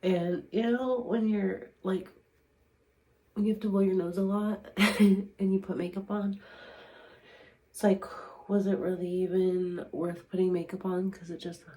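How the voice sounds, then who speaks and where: A tired young woman, a new mother with a cold, talking candidly and softly in a casual home vlog. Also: mid-range voice, steady tone, unhurried, a little hiss or hum. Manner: tired, candid, soft-spoken. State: stuffy from a cold. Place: home, indoors.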